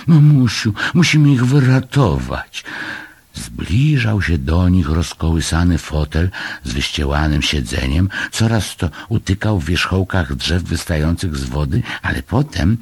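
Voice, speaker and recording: A man reading a children's storybook aloud in an expressive way, changing his voice for each figure. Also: sits low, a little slow, gravelly, breathy edge, dry recording. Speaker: narrator.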